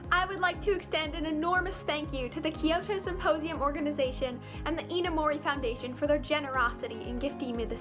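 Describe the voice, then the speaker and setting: A teenage girl giving an earnest, scripted personal statement as a scholarship recipient. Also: sits high. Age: teens.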